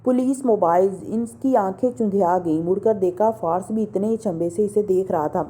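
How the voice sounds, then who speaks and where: Woman audiobook narrator, mellow voice, expressive novel reading. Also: medium pitch. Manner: steady, expressive narration with small restarts.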